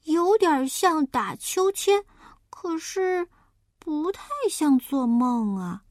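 A woman voicing a naive, chatty little boy piglet in a storybook reading, with a high, eager, innocent way of talking. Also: lively intonation, takes it slowly, a little mellow, no room sound, studio quality. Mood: puzzled.

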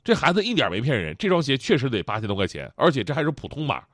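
A man's voice: medium pitch, very fast, dry recording, studio quality. A man, hosting and telling funny stories lots of laughter. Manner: animated, joking, laughing often. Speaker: host. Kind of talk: comedic storytelling.

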